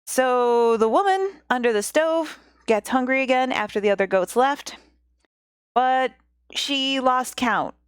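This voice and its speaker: A woman's voice: high-pitched, measured pace, clean tone, dry recording, studio quality. A woman hosting a podcast, retelling a fairy tale in a chatty, jokey way with asides. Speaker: podcast host and storyteller. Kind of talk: casual storytelling with asides.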